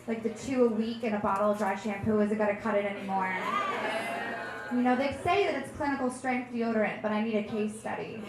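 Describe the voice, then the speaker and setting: A young woman from New Jersey performing a stand-up comedy set on a club stage with a deadpan, self-deprecating delivery. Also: medium pitch, fairly quick. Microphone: handheld stage mic. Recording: echoey club room with noise. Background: audience laughter.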